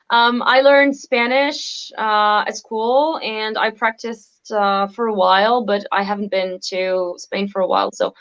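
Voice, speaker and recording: Over a video call, a guest singer whose native languages are French and Moroccan Arabic chats in a relaxed live video interview, full of laughter and filler words. Her medium-pitched voice is steady and a little slow, slightly bright, with lo-fi sound.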